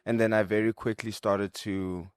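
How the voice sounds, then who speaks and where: Relaxed young man, low dry voice. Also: normal speed, clear, resonant tone, no echo. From Zimbabwe. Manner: relaxed, conversational, uses "like" and "right?" often. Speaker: guest, content creator and videographer. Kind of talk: casual interview answers.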